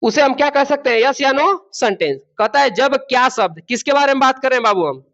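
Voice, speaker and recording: A man's voice: extremely high pitch, expressive, brisk, fairly bright tone. A male teacher gives a classroom grammar lesson, asking the class questions and repeating key words. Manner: addresses students as babu and beta. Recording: dull lo-fi sound.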